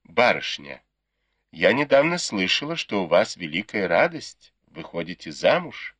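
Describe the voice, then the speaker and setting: A soft-spoken young maidservant, coaxing and wistful, as a man reads her. The pitch swings up from a low base with bright edges. Close, dry sound. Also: big pitch swings, a little slow, breathy edge, no echo, heavily acted. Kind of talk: audiobook character reading.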